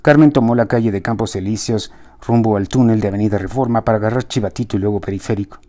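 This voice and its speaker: Male audiobook narrator, low pitch, mellow tone. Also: fast.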